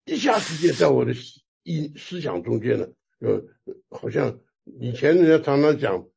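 A man's voice: medium pitch, moderate pace, creaky, slightly rough. A man preaching a sermon in Mandarin, telling a personal testimony with laughter and repeated words. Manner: animated storytelling, laughs often, repeats words.

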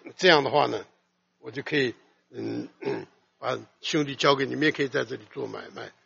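A man preaching a sermon, swinging between loud emphasis and soft low asides and putting questions to his listeners. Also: a little fast, creaky, husky. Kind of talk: expository sermon. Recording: dull lo-fi recording.

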